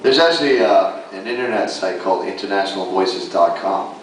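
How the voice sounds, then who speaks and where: A man's voice: low-pitched, brisk, a little hiss or hum. A man on a convention panel, talking casually in a rambling way with many likes and restarts. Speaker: voice actor panelist. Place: large convention hall. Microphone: far audience camera. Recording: echoey hall recorded from far off.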